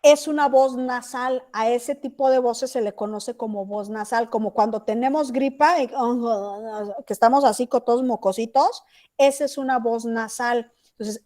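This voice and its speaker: High-voiced Mexican woman teaching on a video call. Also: measured pace, dark tone. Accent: Mexican Spanish. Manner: chatty, asks checking questions. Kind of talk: online class lecture.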